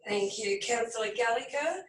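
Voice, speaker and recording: A woman with a croaky voice chairing a council meeting as mayor, reading through the agenda items briskly. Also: a little high, expressive, background noise. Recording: echoey room from a distance.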